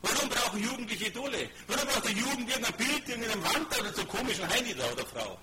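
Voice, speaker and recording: A man giving an informal sermon to his congregation, swinging between loud outbursts and quiet asides and acting out conversations. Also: very high voice, big pitch swings, fast. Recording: audible background hum.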